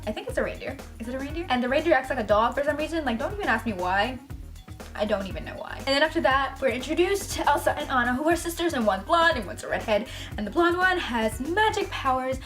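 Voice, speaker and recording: A woman's voice: high voice, lively intonation, quick pace, a bit bright, soft background music. A woman chatting in a rambling vlog, full of fillers and self-corrections as she recaps a movie. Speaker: vlogger. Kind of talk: casual movie commentary vlog.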